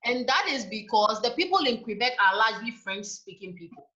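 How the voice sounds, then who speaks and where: A woman lectures to a class in a clear, explanatory manner, often closing points with a quick "right?". Her voice is bright and forceful. The recording is dull and lo-fi, with a roomy echo from the lecture hall. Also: fairly high pitch, lively intonation. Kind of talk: university lecture. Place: lecture room. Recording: echoey room, dull lo-fi sound.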